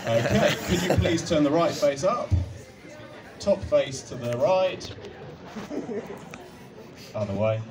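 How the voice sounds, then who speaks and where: This young man's voice is fairly high, with lively intonation, as he instructs a cube solve step by step from an outdoor stage at night. Speaking politely and slowly into a handheld mic, he lets out soft laughs along the way. The mic sits at a distance, so background noise from the crowd and music is audible.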